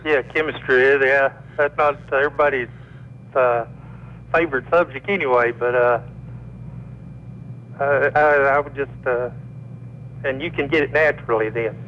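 Male call-in listener on a muffled phone line, hesitant and casual, average pitch. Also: steady tone, slight background noise. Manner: hesitant, many filler pauses. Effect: caller heard over a phone line. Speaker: radio show caller. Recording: slightly dull phone line.

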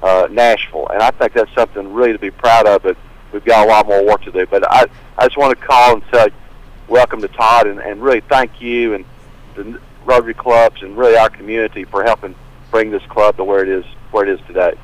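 A man's voice: on the low side, steady tone, a little fast, no echo, low-quality recording. A man speaking casually and earnestly as a caller on a radio phone-in, repeating himself as he goes. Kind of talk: casual talk.

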